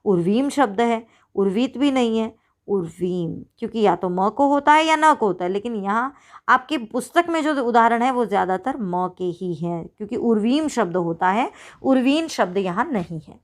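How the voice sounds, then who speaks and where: A woman teacher with a fairly high voice works through a worksheet aloud for her students. She keeps asking them a question and then answering it herself. She slows right down to spell out each example. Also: lively intonation. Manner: talks to pupils as children, asks and answers her own questions; stretches out each example slowly. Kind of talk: online worksheet walkthrough.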